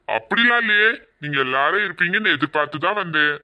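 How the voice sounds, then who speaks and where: A nervous young suitor in a cartoon skit fumbles through excuses, as a performer puts him on. His voice sits at a plain, middle pitch. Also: animated, a little fast, bright, forceful tone. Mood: flustered. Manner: flustered, apologetic.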